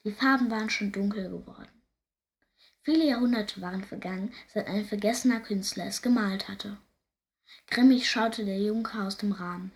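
A woman reading a fairy tale aloud, gentle and often hushed. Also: mid-range voice, moderate pace. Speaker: storyteller.

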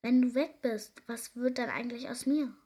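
A woman's voice: a little high, normal speed, warm tone, lightly acted. A woman voicing a portly, bewildered king who sounds worried and hesitant. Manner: hesitant, stammering.

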